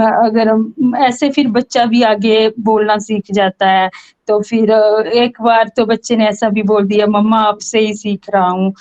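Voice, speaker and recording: A woman's voice: on the high side, a little mellow, lo-fi sound. A woman from Jammu giving a heartfelt testimonial in an online session, hesitant, with many fillers and repeated thanks. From Jammu, India. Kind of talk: casual testimonial.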